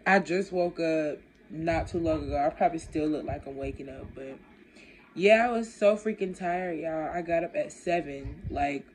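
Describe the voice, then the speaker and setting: A woman's voice: sits low, moderate pace. Laid-back young woman vlogging to her phone. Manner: laid-back, slangy, talks straight to camera. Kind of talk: casual chat. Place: bedroom at home. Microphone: phone camera at arm's length.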